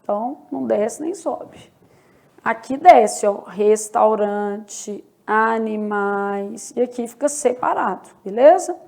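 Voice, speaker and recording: Woman teacher, online lesson, gravelly voice, unhurried delivery, step-by-step explaining. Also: sits high, expressive, mellow. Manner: explains step by step, often checks in with the viewer. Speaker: Portuguese teacher. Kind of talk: online exam-prep lesson.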